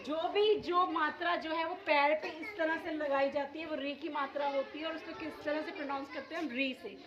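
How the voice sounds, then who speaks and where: A woman's voice: high voice, fairly even intonation, normal speed, a crowd in the background. A woman teacher giving a Hindi lesson, quizzing the class and repeating words for the children to copy. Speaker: primary school teacher. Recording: dull echoey classroom with children.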